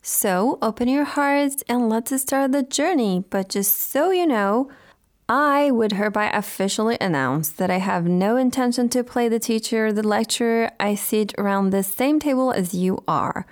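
A woman's voice: on the high side, normal speed. A woman presenting a scripted radio talk programme as host, speaking in a formal, earnest and courteous manner.

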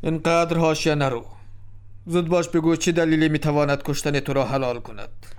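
A man's voice: on the high side, steady tone, smooth, close to an everyday voice. A man voicing a shrewd king who questions and commands in a told story. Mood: commanding. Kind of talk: storybook drama reading.

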